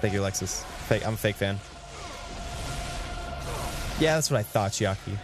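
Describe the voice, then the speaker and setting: Game music plays as a roughly twenty-one-year-old man gives relaxed livestream commentary to his chat. His fairly low voice has lively intonation and a normal speaking speed.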